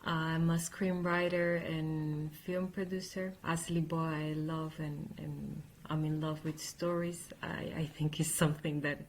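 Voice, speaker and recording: A woman of Italian and Chilean background, a screenwriter and producer, recalling an exhibition with halting, repeated words. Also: sits low, flat delivery, slight background noise, rough recording. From Italy and Chile. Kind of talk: interview testimony.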